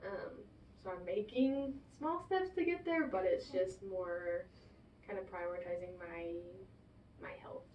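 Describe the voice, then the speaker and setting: In a counseling role play, a woman playing the client talks casually through her own feelings. Her voice is medium in pitch and unhurried. The recording sounds echoey, distant and muffled, with faint noise.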